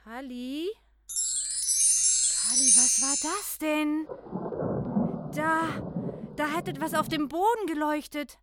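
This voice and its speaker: A woman playing a lively, playful, easily spooked young girl in a children's audio drama. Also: sits high, a little slow, over loud music. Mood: spooked, excited.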